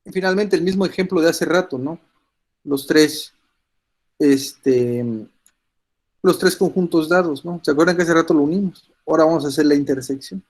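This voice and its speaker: A man's voice: fairly high pitch, moderate pace, a little mellow, rough recording. A man with a slight cold, teaching a math class step by step and constantly checking in with his students. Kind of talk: recorded class lecture.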